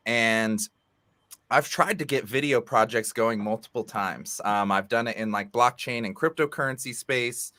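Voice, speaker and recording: A man talking as a guest in a casual interview over a video call, relaxed and rambling with fillers and restarts. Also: mid-range voice, normal speed, dry recording. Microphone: remote video call.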